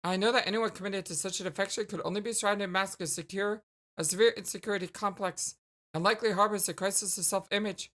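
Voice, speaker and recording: Woman playing witty, analytical girl for a game; bright voice, haughty wordiness, dry sardonic edge. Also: mid-range voice, fairly even intonation, fast, lightly acted. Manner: eloquent, pompous, dry.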